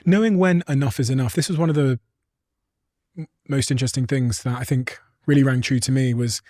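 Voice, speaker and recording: A man's voice: mid-range voice, fairly even intonation, a little fast, a little mellow, no room sound, clean studio sound. Man hosting an interview. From United Kingdom. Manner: conversational, casual slang. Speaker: podcast host. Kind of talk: interview questions.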